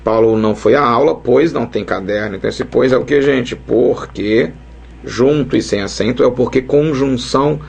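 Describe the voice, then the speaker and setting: A man teaching a grammar lesson at a whiteboard, lively and chatty, often checking in with his students. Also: mid-range voice, moderate pace, vocal fry, breathy edge.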